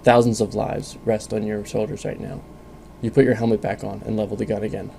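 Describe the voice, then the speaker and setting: A man reading a scripted second-person story in a calm, measured way. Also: lowish voice, gravelly, a little hiss or hum. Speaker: narrator.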